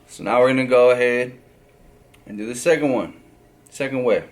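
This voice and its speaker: A man's voice: mid-range voice, normal speed. A man, a barber, giving a casual step-by-step how-to, often tagging his points with "right?". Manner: walks through steps, tags lines with "right?".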